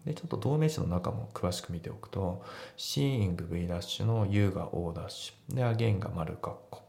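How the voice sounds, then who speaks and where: A low, gravelly male voice with a dark, mellow tone, talking through exam questions in a relaxed teaching style. He explains each sentence piece by piece. The recording has a noticeable echo, as if made in a bare room. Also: moderate pace. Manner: relaxed explanatory, breaks sentences into grammar parts. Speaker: English teacher. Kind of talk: casual exam walkthrough lesson.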